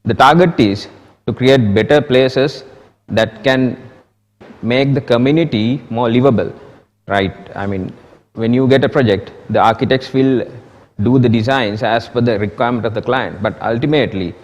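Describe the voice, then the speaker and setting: A man with a Sri Lankan accent giving a conference presentation as an architect, with halting, loosely worded delivery. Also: medium pitch. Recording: echoey hall with long reverb.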